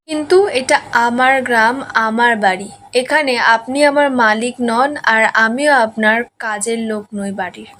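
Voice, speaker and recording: A woman voicing a stubborn young village woman who flatly refuses, in a serial recap. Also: on the high side, slight background noise, lightly acted. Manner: defiant.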